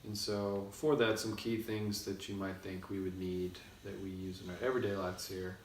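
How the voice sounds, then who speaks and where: A man's voice: sits low, flat delivery, moderate pace. A man co-hosting a casual video blog, announcing things in a mock-formal way, recorded in an echoey room from a distance. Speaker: co-host of a couple's video blog. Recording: echoey room, distant mic, faint noise.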